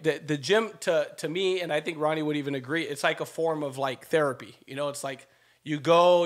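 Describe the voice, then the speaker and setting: Guy in his 30s hyping people up on a podcast, bit high voice, studio desk mic. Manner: animated and preachy, gestures a lot. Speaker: podcast co-host. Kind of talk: casual podcast chat. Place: home studio, indoors. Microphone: desk mic on a stand.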